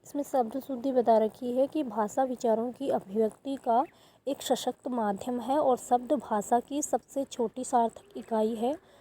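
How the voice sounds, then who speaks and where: Warm-voiced woman teaching grammar. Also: a little high, steady tone, unhurried, a little hiss or hum, low-quality recording. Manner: step-by-step, corrects herself mid-sentence. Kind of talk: explaining grammar to students.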